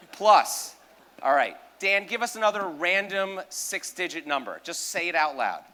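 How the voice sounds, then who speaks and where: A man working a ballroom crowd with light, joking stage patter. His voice sits high and sounds bright and forceful, and he keeps poking fun at himself as the trick drags on. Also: very animated, measured pace. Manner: joking, self-deprecating, talks to audience. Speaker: magician performing at a gala. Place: large ballroom.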